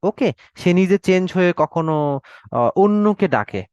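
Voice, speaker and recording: A Bangladeshi male teacher giving an online Arabic class, his voice sitting a touch high for a man. He explains slowly and repeats key words, checking in with "okay?" again and again. The sound is close and dry, with no room around it. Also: expressive, a little mellow, clear, resonant tone, no room sound, lo-fi sound. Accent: Bangladeshi Bengali.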